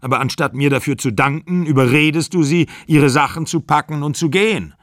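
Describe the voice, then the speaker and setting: A man's voice: medium pitch, animated, moderate pace, no room sound, clean studio sound, close to an everyday voice. A man voicing a furious aging actor. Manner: shouting, bitter, pleading.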